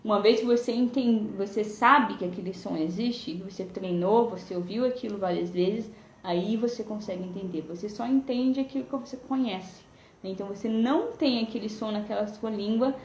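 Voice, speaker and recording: A woman's voice: mid-range voice, moderate pace, a little hiss or hum. Chatty Brazilian woman teaching in an echoey room. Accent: Brazilian Portuguese. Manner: chatty, explains with many "né?" and "tá?" tags. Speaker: English teacher. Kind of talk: live-streamed language lesson. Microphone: phone or webcam.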